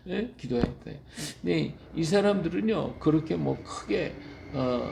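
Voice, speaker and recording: A middle-aged man reading a Bible chapter aloud and explaining it, in a slow, musing way with many fillers and restarts. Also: mid-range voice, gravelly, background noise. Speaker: Bible teacher.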